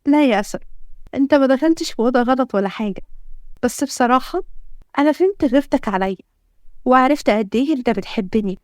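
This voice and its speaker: A woman voicing a tearful, defiant young female university student with an Egyptian accent and a pleading, high-strung manner. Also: animated, fast, pauses often, dry recording, clean studio sound. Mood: soft. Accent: Egyptian Arabic.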